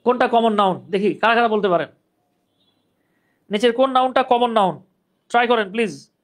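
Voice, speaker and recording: A man's voice: extremely high pitch, normal speed. Young man, grammar teacher, live online class, patient explanations, reads viewer comments aloud.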